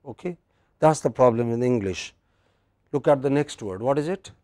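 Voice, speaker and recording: A man's voice: mid-range voice, animated, moderate pace, darkish tone, no room sound. A man teaching English pronunciation in a lecture, patient, repeating phrases and checking that the class follows.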